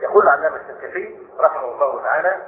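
Fast-talking older man teaching scripture. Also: on the high side, animated. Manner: quick explanatory delivery, slows to recite verses. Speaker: Islamic scholar giving Quran commentary. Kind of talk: spoken Quran commentary lesson. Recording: echoey room over a tinny phone-like line.

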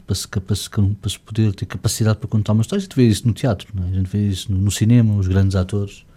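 A man's voice: lowish voice, warm tone. Grainy-voiced man musing. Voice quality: slightly grainy voice. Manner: rambling, reflective, many restarts and "não é?". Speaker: fado singer, guest. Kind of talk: casual interview chat.

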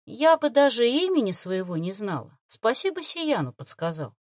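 A gentle young woman talks calmly and persuasively, as a woman narrator puts her on. Her voice is fairly high with lively pitch, close and dry. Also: normal speed, no echo.

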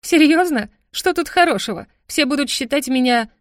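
A woman voicing a flustered, hot-tempered young magic student, excitable and indignant, her voice jumping high. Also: moderate pace, dry recording, studio quality.

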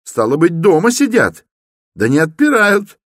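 A man reading an audiobook, voicing an eager, excitable young law student who talks urgently and insistently. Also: medium pitch, slow, no room sound, studio quality, voice pushed up, exaggerated voice. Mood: excited.

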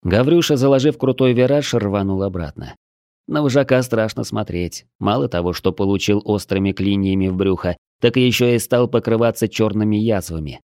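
A man reading a first-person adventure audiobook in a measured, steady storytelling manner. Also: fairly low pitch, no room sound, studio quality. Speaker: audiobook narrator.

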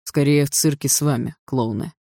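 A man's voice: a little high, normal speed, creaky, warm tone, no echo, clean studio sound. A man reading the dialogue of a cold, cocky teenage boy in an audiobook, defiant toward his attackers.

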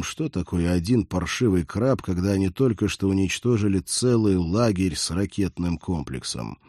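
A man narrating an audiobook in a steady storytelling delivery. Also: deep voice, no room sound, studio quality. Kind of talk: scripted narration.

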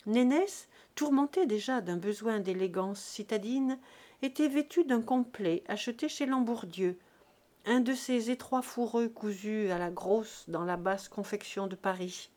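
A woman narrates a classic novel as an audiobook reader, delivering it in a measured and expressive manner. Her pitch is medium.

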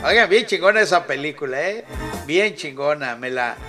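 A man's voice: on the high side, expressive, moderate pace, loud music behind the voice. A man with a Mexican accent hosting a radio show, retelling a film in casual, profane, rambling talk and laughing often. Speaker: radio host.

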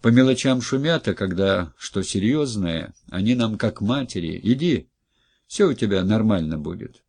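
A man's voice: lowish voice, expressive, moderate pace, darkish tone, dry recording. A man doing a blunt, folksy working man. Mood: reassuring.

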